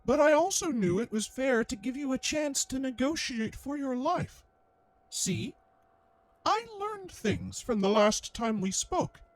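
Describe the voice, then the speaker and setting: A woman's voice: sits high, lively intonation, a little slow. A woman voicing a cold, condescending android that wears a male soldier's body and speaks in an artificial voice. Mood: calm menace.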